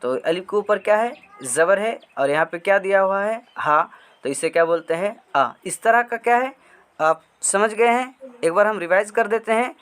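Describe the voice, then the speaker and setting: A man's voice: high voice, fairly bright tone, smooth. Patient male Urdu tutor. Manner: explains patiently, asks and answers his own questions; spells out letters slowly. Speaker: online Urdu teacher. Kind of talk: step-by-step spoken lesson.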